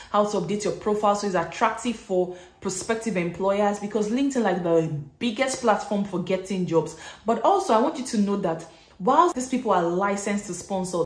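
A woman's voice: medium pitch, reverberant. A woman in her thirties giving chatty, encouraging advice to the camera as a vlogger, talking straight to her viewers from a living room.

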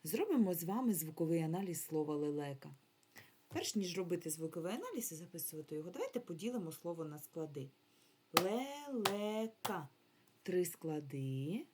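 Woman, primary teacher, remote lesson for small kids, low bright husky voice, slow careful syllable-by-syllable speech. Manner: patient, encouraging instruction. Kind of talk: remote lesson for young children.

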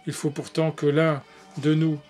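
A man's voice: on the high side, little pitch movement, measured pace, a little mellow, lightly acted. A man reading the part of a pale, despairing young man who pleads solemnly with his brother. Faint music plays behind him. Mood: pleading.

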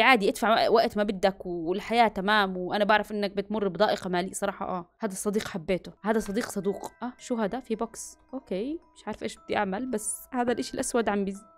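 Jumpy high-voiced woman gamer. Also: darkish tone. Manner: jumpy, gasping, swinging from muttering to yelps. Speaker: gaming YouTuber. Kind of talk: horror game let's play commentary.

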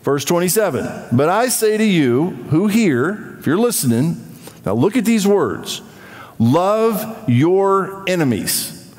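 A man preaching a church sermon as pastor, emphatic and animated, with offhand asides. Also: sits high, unhurried, in a large hall. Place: church sanctuary.

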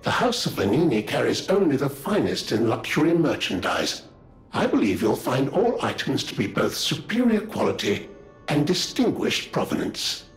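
A polite mechanical puppet butler, smooth and formal, his pitch swinging widely as he fawns over a customer. The voice rings in a roomy echo with game music beneath it. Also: big pitch swings, moderate pace. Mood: courteous. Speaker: shop major domo.

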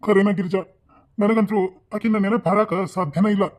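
A man's voice: high voice, steady tone, moderate pace, close to an everyday voice. A man voicing a kind, protective widowed village landlord in a cartoon, speaking in an earnest, reassuring way with a North Karnataka Kannada accent.

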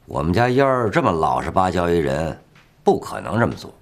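A man's voice: sits low, very animated, brisk. An actor playing a blunt, sarcastic retired father-in-law over sixty, in a TV drama. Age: older. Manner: scolding, sarcastic. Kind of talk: TV period drama acting.

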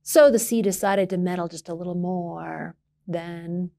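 As a library storyteller, a woman reads a children's picture book aloud with expression, emphasis and dramatic pauses. Her voice is on the low side, gravelly and dark in tone.

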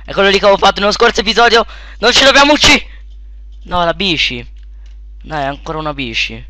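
A young man giving casual let's play commentary, shouting at sudden deaths and then muttering quietly to himself, close to a desk mic. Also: fast. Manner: excitable, yelps and shouts at in-game deaths, then mutters low.

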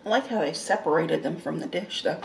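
A woman vlogging as she eats, talking with her mouth full in slow, relaxed murmurs. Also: low voice, vocal fry, a little hiss or hum, poor audio. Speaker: mukbang vlogger. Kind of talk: casual eating vlog chat.

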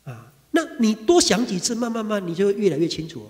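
A man with a Taiwanese Mandarin accent giving a Buddhist sutra lecture, talking conversationally and acting out everyday quarrels. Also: fast. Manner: animated, acts out quarrels with sudden high bursts. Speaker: Buddhist dharma teacher. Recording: reverberant hall.

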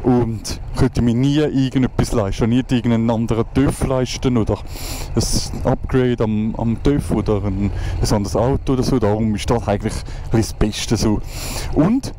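A man's voice: medium pitch, steady tone, moderate pace. A Swiss man in his twenties with a Swiss German accent, chatting casually as a motovlogger while riding through traffic, rambling with many restarts and fillers. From Switzerland. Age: 20s. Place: outdoors on a motorcycle in traffic. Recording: road and wind noise behind the voice.

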